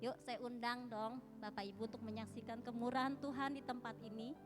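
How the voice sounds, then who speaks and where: A woman leading a church service invites the congregation to come forward, in an encouraging tone. Her voice sits a little high. Music plays clearly behind her. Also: little pitch movement, a little fast. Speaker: service leader.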